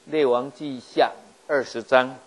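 A man's voice: medium pitch, steady tone, unhurried, husky. A middle-aged man with a Taiwanese Mandarin accent preaching a sermon, retelling Bible stories in a chatty, joking way and acting out the quotes. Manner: playful, chatty, jokes and acts out quotes.

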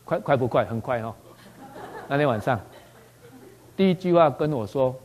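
A man with a Taiwanese Mandarin accent, a doctor telling a personal story in an animated way, often repeating words as he goes and slipping into Taiwanese phrases. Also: medium pitch, normal speed, muffled recording, slight background noise. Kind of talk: spoken personal anecdote.

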